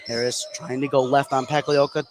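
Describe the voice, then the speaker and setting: A man calls a basketball game live on the radio, tracking the play in clipped running phrases. His mid-range voice is brisk and flatly delivered. The broadcast comes from a noisy indoor gym, and the background noise is clearly audible.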